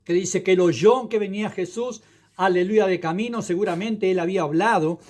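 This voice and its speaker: High-voiced man preaching a fervent sermon. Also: normal speed, darkish tone. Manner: fervent preaching with interjected hallelujahs. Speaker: evangelist.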